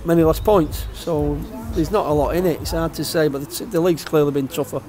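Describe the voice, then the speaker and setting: An older man, a football manager, giving a post-match interview in an empty outdoor stadium stand, halting and repeating his words. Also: fairly high pitch, fairly even intonation, dark tone.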